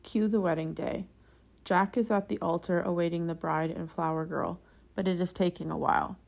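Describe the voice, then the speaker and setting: A woman reading a first-person forum post aloud as scripted narration, in a steady storytelling manner. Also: lowish voice, moderate pace, gravelly, dull audio.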